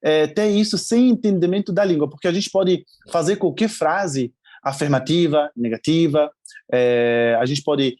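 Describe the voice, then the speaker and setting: A man's voice: fairly high pitch, normal speed, darkish tone. A male language teacher, a guest on a podcast, explaining things patiently with frequent hesitations. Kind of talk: casual interview chat.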